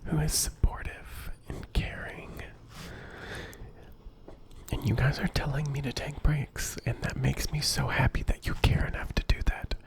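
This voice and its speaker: Slow whispering ASMR creator. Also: mid-range voice, fairly even intonation, creaky, rough recording. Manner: whispered, repeating words over and over; soft and affectionate. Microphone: close microphone.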